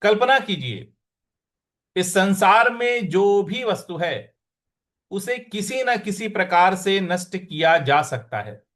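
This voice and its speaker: A man teaching a scripture lesson, reciting verses in a slow chanting tone and then explaining pronunciation and meaning. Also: high voice, expressive, a bit bright.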